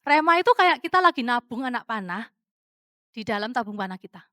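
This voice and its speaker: A woman's voice: fairly high pitch, sing-song, fairly quick, pushed and bright, dry recording, studio quality. A woman preaching a casual, testimony-style sermon, chatty and conversational, dropping English words into her talk and asking the congregation questions.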